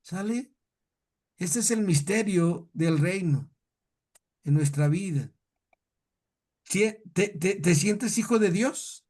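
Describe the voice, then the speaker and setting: A man with a Mexican Spanish accent leads a relaxed Bible class in a fairly high voice. He talks in a chatty, folksy way, stumbling over and repeating words and asking his listeners "right?" as he goes. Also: takes it slowly, pauses often. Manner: chatty, repeats words, tells jokes, asks "¿sale?". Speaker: teacher leading a Bible class. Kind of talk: informal religious lesson.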